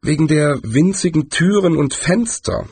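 A man's voice: fairly high pitch, a little slow, darkish tone, breathy edge, dry recording, pitched above the performer's own voice. A man voicing a nervous, bitter male wizard who bluffs his way through. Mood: nervous grumbling.

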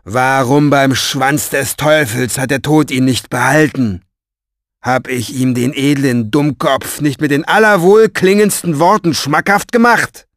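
A man voicing a scheming, vain, gloating male villain in a storybook reading, with a velvety voice and a mocking, drawn-out, theatrical delivery. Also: mid-range voice, animated, fairly bright tone, no echo, studio quality.

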